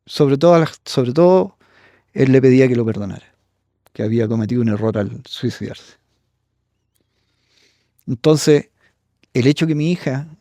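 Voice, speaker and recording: A middle-aged man, telling a ghost story as a podcast guest in a halting, casual way, with many fillers and voices for the people in it, recorded on a phone on a cold outdoor patio. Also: medium pitch, warm tone, no room sound.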